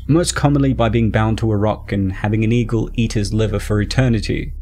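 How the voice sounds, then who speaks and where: A man giving scripted, measured narration for a film explainer video. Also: medium pitch, a little mellow, slight background noise.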